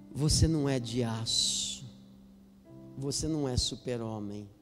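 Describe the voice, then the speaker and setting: A man preaching a sermon in a church, dropping to soft, low appeals and then rising to loud, shouted exhortation. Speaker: pastor. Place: church sanctuary. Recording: long hall reverb with faint music.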